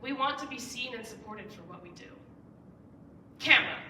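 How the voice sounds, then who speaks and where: A young woman in her late teens gives an earnest persuasive speech as a student on a school stage. Her voice is bright and fairly high, and she pushes key words up with emphatic rises. She sounds a little far from the mic, in a roomy, echoing hall. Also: animated, quick pace, a little hiss or hum. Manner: earnest, with emphatic rising stresses. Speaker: student speaker. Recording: roomy echo, heard from some distance.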